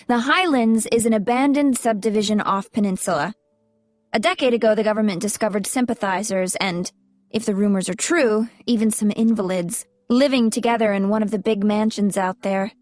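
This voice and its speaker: A young adult woman narrating a first-person audiobook, her voice fairly high and recorded close and dry with no room sound. She reads in a measured, expressive way. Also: dry recording.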